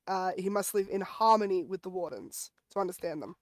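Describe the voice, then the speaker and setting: A woman's voice: fairly low pitch, a little fast, dry recording. A woman playing prosecutor in a game role-play, hesitant and often stumbling over her words. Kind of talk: playful role-play chat.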